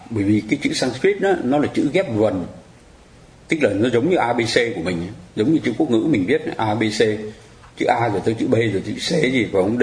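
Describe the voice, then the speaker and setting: A man's voice: on the low side, a little mellow, roomy sound, rough recording. A man teaching a Buddhist class, explaining patiently and addressing his listeners politely. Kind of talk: dharma class lecture.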